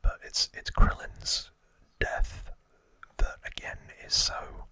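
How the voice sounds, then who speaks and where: A man musing over a trivia recap as an informal host whispers throughout, his breathy ASMR delivery very bright and without full voice, with hesitant asides along the way. He goes at a slow pace, with no echo.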